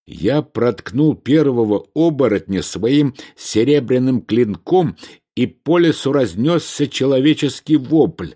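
A man narrating a first-person fantasy audiobook in a measured storytelling manner. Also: mid-range voice, darkish tone.

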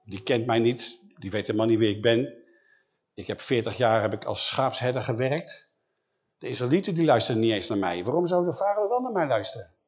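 A man's voice: mid-range voice, animated, a little fast, natural voice. A man voicing a worried older male shepherd who hesitantly pleads that no one will listen to him. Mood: doubtful.

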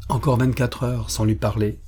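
A man narrating an audiobook of a classic novel, measured and expressive. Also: mid-range voice, husky.

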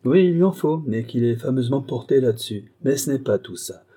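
A man's voice: medium pitch, lively intonation, fairly quick, dark tone, husky. A man voicing a coarse, boastful male carter gossiping in a crowd, in an audiobook reading.

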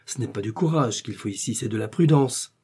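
A man voicing a bold young swordsman who gives orders in a raised, forceful voice. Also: medium pitch, fairly quick, husky, close to an everyday voice. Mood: commanding.

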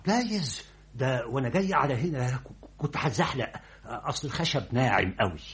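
A man playing a timid, slow-witted middle-aged clerk with an Egyptian accent, hesitant and stammering, in an old radio comedy. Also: medium pitch, expressive, fairly bright tone, breathy edge. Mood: baffled. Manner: hesitant, stammering, repeats a pet phrase.

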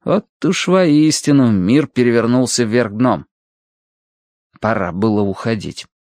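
Steady male audiobook narrator, dry sound. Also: medium pitch, dry recording. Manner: measured, steady storytelling with acted pauses. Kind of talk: scripted narration.

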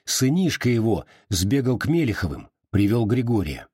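Husky man narrating a novel. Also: on the low side, very animated, normal speed, darkish tone, no room sound, clean studio sound. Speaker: audiobook narrator. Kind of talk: literary audiobook narration.

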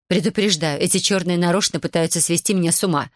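A woman's voice: lowish voice, fast, no echo, studio quality, close to an everyday voice. A woman reading an audiobook, voicing a fretful, spiteful plantation mistress who whines and hisses her complaints. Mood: whining. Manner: whining, hissing, complaining.

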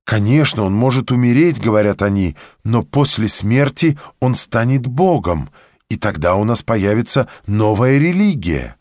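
A man's voice: lowish voice, sing-song, moderate pace, darkish tone, dry recording, studio quality. A man reading a story, voicing a proud, passionate young woman in a fervent, declamatory way.

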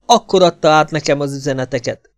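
A man voicing an excitable, vain middle-aged male Russian violinist who pleads and protests in a raised, high-pitched voice. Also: dry recording, close to an everyday voice. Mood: defensive.

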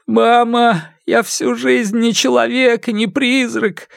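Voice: medium pitch, expressive, moderate pace, a little mellow, no echo, clean studio sound, pitched above the performer's own voice, close to an everyday voice. A reader voicing a timid, pathetic middle-aged man who pleads and wails, in an audiobook. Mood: wailing. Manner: mumbling, pleading, wailing.

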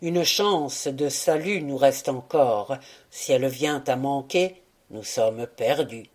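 A woman's voice: a bass voice, slow, darkish tone, pitched below the performer's own voice, heavily acted. A woman voicing an anxious, obsessive male scientist in an audiobook, with an urgent and intense delivery. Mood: grave. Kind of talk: audiobook character reading.

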